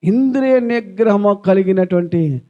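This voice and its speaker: High-pitched fervent Telugu pastor. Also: male voice, unhurried, highs cut off. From India. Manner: fervent, repetitive rhetorical questions; swings between loud and hushed delivery. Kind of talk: Telugu sermon.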